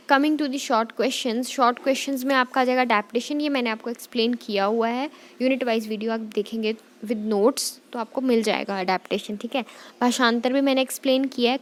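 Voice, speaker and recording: A young woman teacher giving an exam-prep lecture in mixed Hindi and English. She dictates definitions word by word, repeats them, and checks in with "theek hai". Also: a little high.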